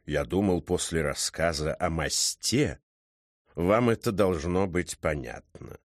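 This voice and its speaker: A man doing a slow, deep, lecturing magic cat. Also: no echo, clean studio sound. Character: slow, pedantic talking magic cat, male.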